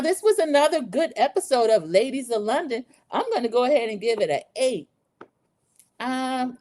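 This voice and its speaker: A woman's voice: fairly high pitch, warm tone, no echo. A woman hosting a casual livestream recap of a reality show, chatty and opinionated, reading comments and saying "y'all". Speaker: host.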